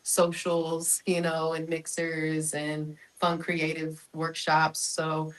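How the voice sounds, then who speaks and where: A woman's voice: sits low, completely flat delivery, slow pace, rough recording. A woman guest on a podcast, chatting casually and promoting upcoming events with enthusiasm. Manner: enthusiastic promoter, runs through lists.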